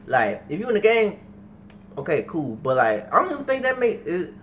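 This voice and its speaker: A man's voice: sits high, wildly swooping pitch, normal speed, a little hiss or hum. A young man hosting a reaction video, talking casually with profanity and repeating himself.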